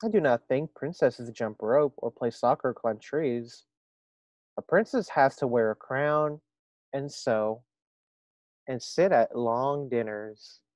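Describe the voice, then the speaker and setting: A man's voice: medium pitch, a little mellow, no room sound, lo-fi sound, lightly acted. A man reading a picture book aloud, voicing a fussy, bossy little male frog who refuses to become a prince.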